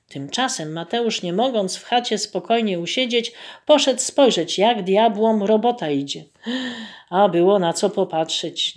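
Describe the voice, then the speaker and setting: A woman narrating a folk tale in an even, scripted storytelling manner. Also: medium pitch.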